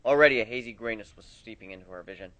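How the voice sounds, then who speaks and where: A man reading fan fiction aloud, expressive, his loudness rising and falling with the story. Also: lowish voice, racing, dry recording, highs cut off.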